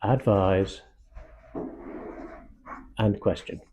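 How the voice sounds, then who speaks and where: Older English male trainer, husky and mellow, blunt and animated. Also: sits low, drawn-out words. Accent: hard-to-place English. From Manchester, England. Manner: blunt and animated, acts out quotes, swears casually. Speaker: sales trainer. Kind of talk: live training talk to a small group.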